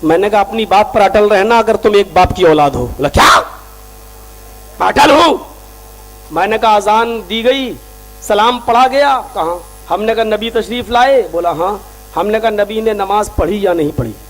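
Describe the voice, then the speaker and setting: A man giving a sermon and telling a story, acting out both sides of a conversation and rising to shouts. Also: high-pitched, normal speed. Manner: impassioned, acts out dialogues, rises to shouting. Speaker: preacher.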